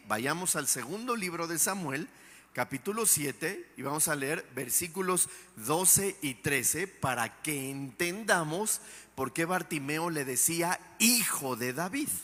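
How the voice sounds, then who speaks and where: High-voiced, emphatic male pastor. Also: pushed and bright, big-room sound. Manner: emphatic, asks the congregation rhetorical questions. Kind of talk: sermon. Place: church.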